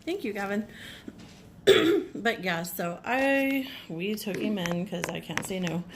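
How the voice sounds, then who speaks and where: A woman with a cold, her voice a little rough, gushing chattily through an unboxing at home and clearing her throat often. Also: mid-range voice, animated, slow, very noisy. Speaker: nail vlogger. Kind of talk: casual unboxing chat.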